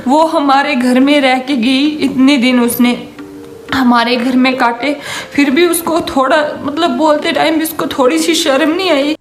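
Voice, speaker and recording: A woman's voice: sits high, fairly even intonation, measured pace, echoey room. A woman in a played clip, speaking in an upset, complaining way about her family.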